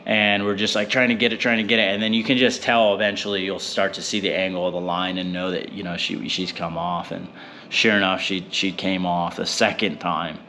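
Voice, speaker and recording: A fishing boat captain, a man, telling a story in a rambling, animated way with many fillers. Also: low-pitched, fairly quick, slight background noise. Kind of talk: casual storytelling.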